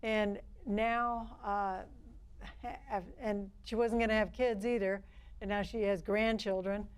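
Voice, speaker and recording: Female talk show host, friendly interviewer, halting with fillers. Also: medium pitch, flat delivery, smooth. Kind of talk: interview chat.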